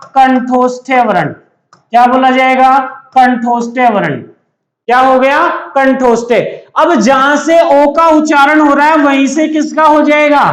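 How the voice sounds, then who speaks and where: A man giving an exam-prep lecture, asking and answering his own questions over and over. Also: very high-pitched. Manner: repetitive call-and-answer teaching. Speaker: teacher. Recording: echoey room.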